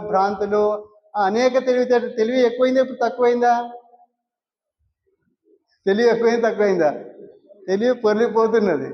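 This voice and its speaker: A man with a Rayalaseema Telugu accent gives a devotional discourse as a spiritual teacher, asking his listeners questions and answering them himself. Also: high voice. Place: prayer hall. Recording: muffled recording with long hall reverb.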